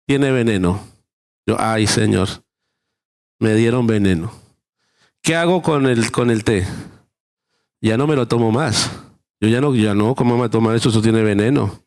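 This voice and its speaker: A male pastor preaching a sermon, explaining scripture through everyday stories and acting out short exchanges. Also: mid-range voice.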